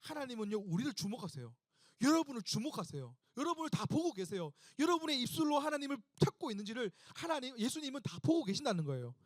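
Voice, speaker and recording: A male pastor with a notably high voice preaches to a young congregation. He tells the story with emphatic repetition and turns again and again to the listeners with questions. The sound is dry and close. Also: very animated, fast, no room sound. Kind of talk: sermon to a young adults' service.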